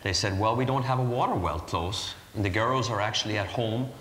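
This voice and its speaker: A man's voice: on the low side, brisk, fairly bright tone, echoey room, in a large hall, a little hiss or hum. A man from Ireland with an Irish accent, a charity founder earnestly explaining his work in a TV interview before a live audience.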